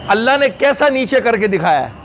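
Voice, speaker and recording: High-voiced emphatic Pakistani preacher. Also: male voice, big pitch swings, a little fast, a bit bright, slight background noise. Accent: Pakistani Urdu. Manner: emphatic, repeats phrases and asks rhetorical questions. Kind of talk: religious sermon. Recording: dull lo-fi recording.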